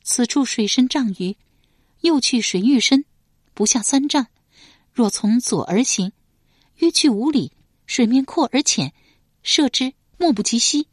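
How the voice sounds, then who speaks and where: A woman voicing a gentle, earnest young former palace maid in a storybook reading. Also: fairly high pitch, expressive, unhurried, pauses often, no room sound, clean studio sound, voice pushed up.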